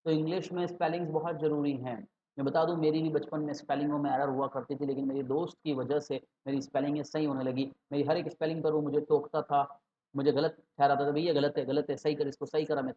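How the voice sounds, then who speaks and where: Teacher with a lilt. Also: male voice, fairly high pitch, little pitch movement, warm tone. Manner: mixes English and Hindi, slows for key terms; rhetorical questions to students. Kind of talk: exam-prep lecture. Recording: dull lo-fi sound.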